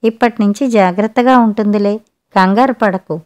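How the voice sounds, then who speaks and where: A woman narrator voicing a grown son who explains things to his mother softly and slowly. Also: medium pitch, lightly acted. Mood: weary. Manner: soft, measured. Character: calm grown son, gentle and weary.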